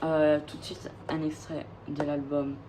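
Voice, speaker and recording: Woman vlogger, lowish voice, casual gushing chat with lots of hesitations. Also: flat delivery, measured pace, background noise. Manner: chatty and gushing, full of hesitations. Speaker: vlogger presenting her record collection.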